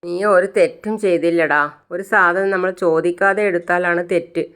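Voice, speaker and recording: A woman voicing a gentle, protective young mother in a storybook tale. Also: fairly low pitch, flat delivery, moderate pace, clear, resonant tone, close to an everyday voice. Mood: concerned.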